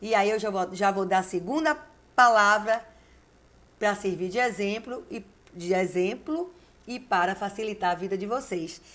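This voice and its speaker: A woman, a teacher giving a video lesson, who dictates slowly and repeats key words syllable by syllable while encouraging her class. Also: medium pitch, fairly bright tone. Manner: encouraging, addresses the class directly. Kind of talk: video lesson with word exercises.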